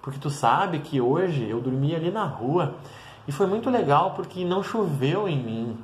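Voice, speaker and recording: Brief: man putting on a cheerful, grateful homeless man; high, thankful, effusive; roomy echo. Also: animated, normal speed, a little hiss or hum, lightly acted. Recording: roomy echoey room.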